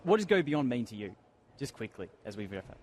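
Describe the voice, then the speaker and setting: A man's voice: mid-range voice, sing-song, brisk, a little mellow. A man hosting a live event interview, putting questions to a guest in a conversational way. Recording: faint background noise.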